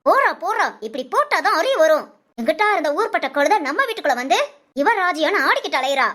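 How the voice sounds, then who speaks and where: A woman's voice: very high voice, very animated, fast, a bit bright, full character voice. A woman voicing a bossy, scheming older mother-in-law in a cartoon, nagging and scolding, with Tamil village speech. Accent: Tamil Nadu village speech.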